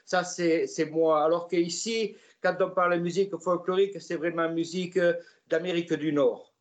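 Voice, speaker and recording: An older man speaks with a Gascon French accent, his voice sitting a touch higher than most men's. He rambles through his stories in a relaxed interview, pausing on fillers and restarting his sentences as he goes. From Gascony, France. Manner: rambling, many hesitations and restarts. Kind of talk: casual storytelling interview.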